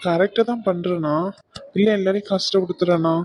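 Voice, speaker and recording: A woman's voice: on the low side, steady tone, normal speed, darkish tone, no room sound, natural voice. A woman voicing a troubled young man in a cartoon, anxious and apologetic. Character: troubled young man torn between mother and love. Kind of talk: cartoon voice acting.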